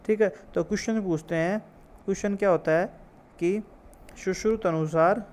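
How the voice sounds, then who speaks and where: A man's voice: high voice, normal speed, a little mellow. A man teaching an ayurveda exam lesson, repeating key terms, drilling memory tricks and asking and answering his own questions. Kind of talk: classroom-style lecture with memory tricks.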